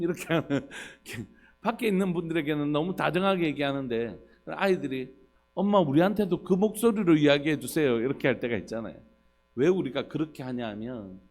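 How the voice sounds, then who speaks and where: A man's voice: medium pitch, darkish tone. A man preaching an earnest, conversational dawn-service sermon as a pastor, with frequent fillers. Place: church.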